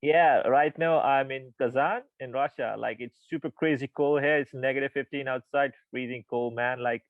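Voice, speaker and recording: A man from Pakistan talks as an interview guest, relaxed and loose, leaning on "like" and restarting his sentences. His voice comes through a narrow, phone-like call line. The sound is dry, with no room echo. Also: medium pitch, moderate pace. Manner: easygoing, many "like" fillers and restarts. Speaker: guest singer-songwriter. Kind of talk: casual interview chat. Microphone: remote video call. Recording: tinny phone-like call audio.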